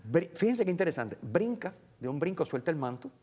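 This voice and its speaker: A man's voice: on the high side, big pitch swings, brisk, darkish tone. Chatty man explaining the gospel. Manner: conversational, with many fillers and acted-out quotes. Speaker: guest commentator on the Sunday gospel. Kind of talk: casual Bible reflection.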